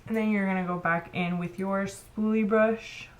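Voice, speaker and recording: Woman doing a casual makeup tutorial, chatty and informal, medium pitch. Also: fairly even intonation, normal speed. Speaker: beauty vlogger.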